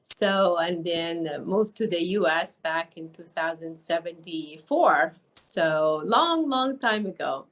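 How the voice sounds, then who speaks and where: A woman's voice: fairly low pitch, animated, takes it slowly, few pauses, a bit bright. An older woman from Egypt, talking as a guest on an interview podcast in a chatty way, full of fillers and restarts. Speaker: guest, nurse and wellness coach. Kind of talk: casual interview talk.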